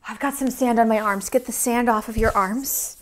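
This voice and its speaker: A woman teaching yoga to young children, playful and silly, with sudden high exclamations. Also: steady tone, normal speed. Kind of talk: guided kids' yoga lesson.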